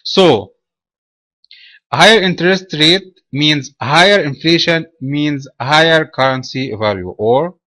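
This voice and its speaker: A man from Egypt presenting a trading webinar in a measured, explanatory way. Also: mid-range voice, a bit bright, dry recording.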